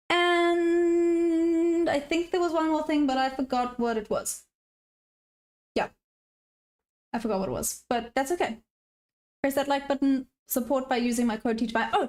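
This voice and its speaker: A woman live-streams her day trading, chatting casually and answering viewer questions as she goes. She's friendly to viewers and signs off upbeat, her voice a little high and a little mellow.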